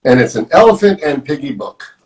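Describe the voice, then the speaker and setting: A man's voice: medium pitch, far from the mic, low-quality recording. A man reading a children's picture book aloud as a volunteer storyteller, explaining the pictures as he goes. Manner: slow, animated, explaining the pictures.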